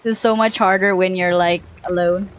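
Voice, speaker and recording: A woman's voice: lowish voice, fairly even intonation, a little fast, highs cut off, slight background noise. A young woman giving casual live gameplay commentary on a headset mic, chatty and thinking aloud in short bursts. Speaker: game streamer. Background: faint game music.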